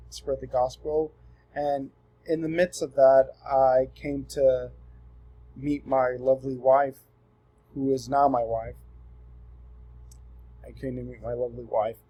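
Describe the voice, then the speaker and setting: A student in his twenties from Southern California introduces himself for a class assignment, relaxed and earnest. His mid-range voice often pauses on ums and restarts sentences, and the recording quality is low.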